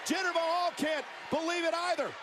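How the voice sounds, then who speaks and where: High, excitable male wrestling commentator. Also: fairly quick. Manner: excitable, clipped phrases, emphatic calls. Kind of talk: wrestling commentary, live play-by-play. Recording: live arena broadcast with very loud noise. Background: loud arena noise.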